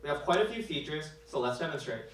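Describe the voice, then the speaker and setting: A man's voice: on the high side, lively intonation, fast talker, slight background noise. A man giving a proud, scripted presentation as a developer. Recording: echoey hall mic from a distance.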